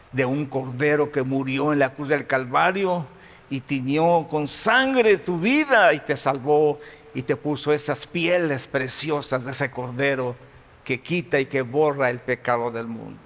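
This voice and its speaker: A male pastor preaching a sermon, moving between loud emphasis and quiet intensity. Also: mid-range voice, big-room sound.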